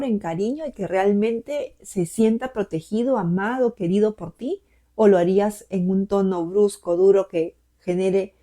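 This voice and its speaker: A woman life coach giving a motivational talk to camera in a gentle, encouraging way, asking many rhetorical questions. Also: mid-range voice.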